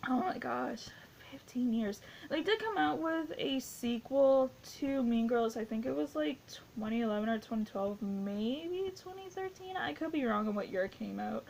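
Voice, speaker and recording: A woman's voice: a little high, normal speed, creaky, darkish tone, slight background noise. A woman in her twenties giving a casual spoken movie review, rambling and gushing with many fillers. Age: 20s. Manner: rambling, gushing, heavy use of "like".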